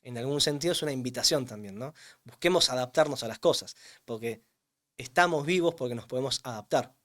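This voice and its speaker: A strength coach for older adults answers interview questions emphatically, repeating words for weight. His medium-pitched, slightly bright voice moves fairly quickly.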